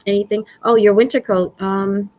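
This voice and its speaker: A woman's voice: medium pitch, little pitch movement, normal speed, darkish tone. A woman with a Brooklyn accent hosting a casual livestream, chatting in a giggly, easygoing way. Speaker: host of a live prepping stream.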